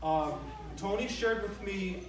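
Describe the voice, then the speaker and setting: A middle-aged man gives an informal eulogy, speaking in a halting, conversational way and often repeating his phrases. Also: high-pitched, background noise. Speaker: son giving a eulogy for his father. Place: large reverberant room at a memorial gathering. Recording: very echoey, distant microphone in room.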